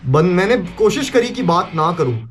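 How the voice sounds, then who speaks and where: A young man vlogging casually, retelling a story in an animated way and mixing in English phrases and swearing. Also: high-pitched, moderate pace.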